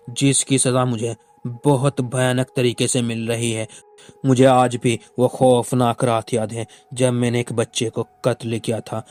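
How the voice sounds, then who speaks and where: A man's voice: medium pitch, a little mellow, lightly acted. A man voicing a remorseful male ghost, centuries old, tearfully confessing his murders in a storybook tale.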